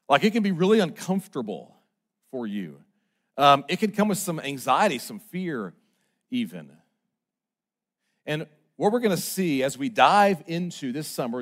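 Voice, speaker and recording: A pastor preaches a conversational sermon, chatty and self-mocking, checking in with the congregation as his voice moves from loud and emphatic to low and soft.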